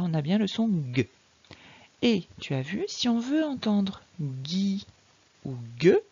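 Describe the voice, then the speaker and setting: A woman teacher giving a patient, slow, explanatory reading lesson to a young child. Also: medium pitch, creaky, a little mellow, no room sound, lo-fi sound. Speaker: primary school teacher.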